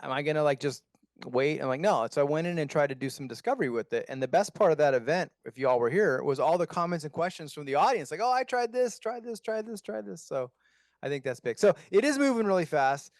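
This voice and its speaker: A man hosts a fireside chat in a relaxed, chatty way, retelling his own thoughts before asking questions. His voice sits a little high, and the sound is dry. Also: quick pace, no room sound. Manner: conversational, quotes himself. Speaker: host, moderator.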